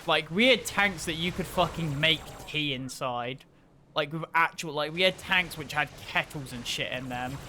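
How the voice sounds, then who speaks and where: A young man streaming a game, rambling in casual commentary, swearing freely and breaking into excited outbursts. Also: on the high side, moderate pace, background noise.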